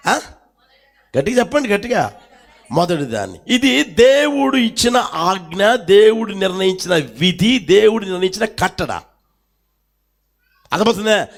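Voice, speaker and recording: A male preacher with a very high voice gives an emphatic sermon, calling questions out to the congregation and making them answer. He drives points home with shouted lines, then drops into quiet asides. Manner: swings between shouted emphasis and low asides. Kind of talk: Telugu church sermon.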